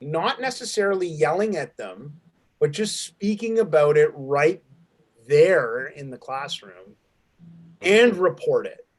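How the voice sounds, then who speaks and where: A man's voice: a little high, animated, slow pace. A man hosting an online panel discussion as an acting program director, speaking thoughtfully and restarting sentences as he forms his questions. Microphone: video call.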